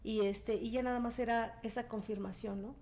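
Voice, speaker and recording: A woman shares a personal story as a guest. She is animated and acts out the quoted lines, in a fairly high voice. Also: normal speed. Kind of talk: casual testimony.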